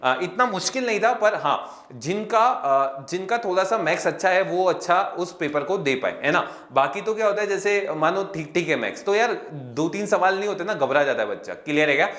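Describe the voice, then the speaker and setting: A chatty young man explains exam questions to his students in a fairly high voice, stopping often to ask if they are following. The room echoes around him. He talks like a friendly teacher running a casual lesson. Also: expressive, moderate pace, a bit bright. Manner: chatty, addresses students as kids, repeats "clear hai kya".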